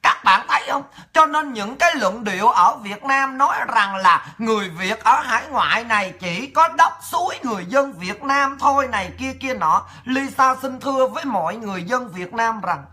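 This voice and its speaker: A woman's voice: fairly high pitch, animated, normal speed, few pauses, sharp tone. A woman giving fiery, emphatic political commentary as a host. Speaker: online commentator.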